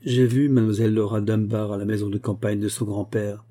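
A practical bank partner talks briskly about business, read by a man. His voice is very dark and slightly husky. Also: on the low side, level tone, lightly acted. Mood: businesslike.

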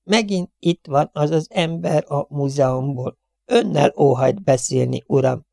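A man voicing an old, coolly formal butler who speaks slowly and stays unruffled in an audiobook reading. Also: on the high side, gravelly, dark tone, no room sound, studio quality, voice pushed up.

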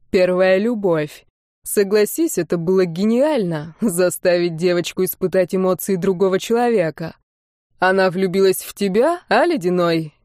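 A woman voicing a villainous male warlock duke with a hoarse voice, a slight burr and a slow, mocking, taunting delivery. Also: medium pitch, a little mellow, dry recording, studio quality, natural voice.

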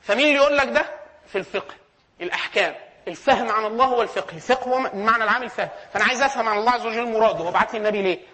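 A man's voice: high-pitched, rapid-fire, pushed and bright. A man with an Egyptian accent giving a lecture, asking himself questions and answering them. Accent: Egyptian Arabic. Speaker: teacher of Islamic sciences.

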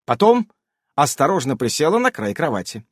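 Male audiobook narrator, higher voice, animated and theatrical, dry close recording. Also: normal speed, no echo.

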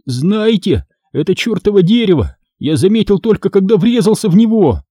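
A man's voice: high-pitched, animated, moderate pace, dark tone, breathy edge, dry recording, clean studio sound, voice pushed up. A man voicing a boastful, clumsy young boy who whines and protests, reading from a storybook. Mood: whiny. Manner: whining and protesting.

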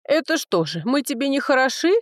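A loud, coquettish village widow from a storybook, played by a female reader. Her voice jumps high and brassy, indignant and teasing. It is recorded close and dry. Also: animated, normal speed, no room sound, lightly acted. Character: brash, flirtatious village widow.

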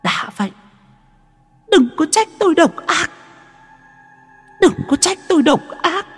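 A man voicing a shrill vengeful female ghost. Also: very animated, a little slow, a bit bright, long reverb tail, faint music behind, heavily acted. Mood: accusing, menacing. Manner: accusing, menacing, high and strained.

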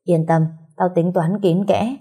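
Woman voicing brash young friend, curt, plotting, low dark voice. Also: steady tone, measured pace, breathy edge. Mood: blunt. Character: blunt young woman friend, tough and scheming.

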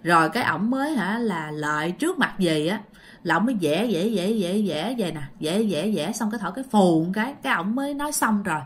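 A woman telling a ghost story in a casual, animated way, often addressing her listeners directly. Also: on the low side, fast.

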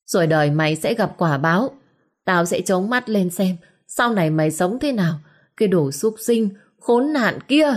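A woman's voice: fairly low pitch, unhurried, warm tone. A woman voicing a wronged old peasant father in a storybook reading, who speaks with bitter outrage. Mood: outraged. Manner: pleading then cursing in outrage.

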